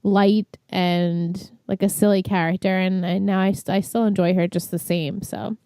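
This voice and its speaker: A woman's voice: mid-range voice, level tone, mellow, clean tone, no room sound, studio quality. A woman co-hosting a podcast, chatting casually and laughing as she recaps a TV episode. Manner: chatty, quick to laugh and agree. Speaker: podcast co-host. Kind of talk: casual chat recapping a TV show.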